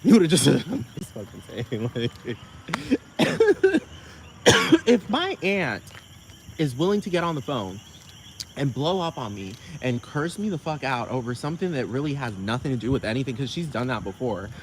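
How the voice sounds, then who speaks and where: A man's voice: mid-range voice, very animated, a little fast, slight background noise. A man from the United States on a casual, rambling rant, sassy and profane, often asking rhetorical questions.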